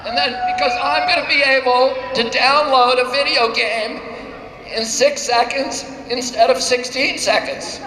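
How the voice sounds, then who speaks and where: High bright-voiced guy giving a rally speech outdoors, short punchy phrases, echoey loudspeaker sound. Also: steady tone, a crowd in the background. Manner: declamatory, pausing after each phrase for translation. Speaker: speaker at a protest rally. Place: outdoor street demonstration.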